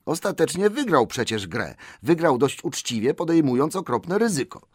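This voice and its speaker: Expressive man narrating an audiobook. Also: fairly high pitch, moderate pace, breathy edge, no echo, clean studio sound. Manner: expressive, building suspense.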